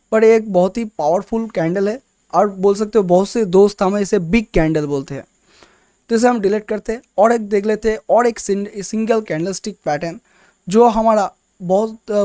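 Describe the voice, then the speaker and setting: A man's voice: high voice, darkish tone, no echo, clean studio sound. A man teaching candlestick chart patterns in a casual lesson, explaining step by step and often repeating and restarting words. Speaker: trading teacher.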